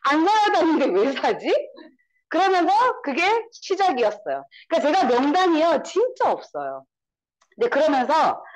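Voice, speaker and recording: A woman in her thirties tells a seminar audience stories in a high, lively voice. Her pitch swings widely, and she takes on the voices of the friends she quotes. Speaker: network marketing speaker. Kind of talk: storytelling seminar talk.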